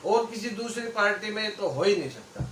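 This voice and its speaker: Male party worker from Haryana, fairly high voice, rhetorical campaign delivery, echoey and off-mic with faint noise. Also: expressive, brisk, fairly bright tone, far from the mic. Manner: rhetorical, speechlike appeals to voters. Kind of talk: campaign-style interview answers.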